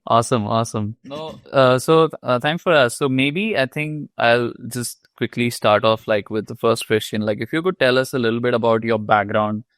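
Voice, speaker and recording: A man hosting a podcast interview, talking in a loose, halting way with many fillers. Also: medium pitch, fairly bright tone, no echo. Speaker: podcast host. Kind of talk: casual interview chat.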